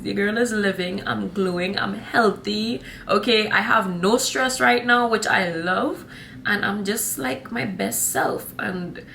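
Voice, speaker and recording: A young woman from Trinidad and Tobago, a vlogger with a Trinidadian accent, chats casually to camera in a rambling, sassy style, calling her viewers honey and y'all. Her mid-range voice is gravelly and fairly bright, with slight background noise.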